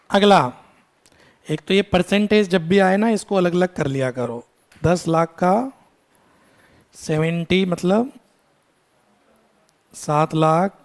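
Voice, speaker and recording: A man with a fairly high voice teaches a tax class. He fires questions at his students, answers them himself, and slips in affectionate, scolding asides. His English terms carry an Indian accent. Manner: quizzing students, calling them "beta", brisk scolding asides. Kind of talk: classroom lecture.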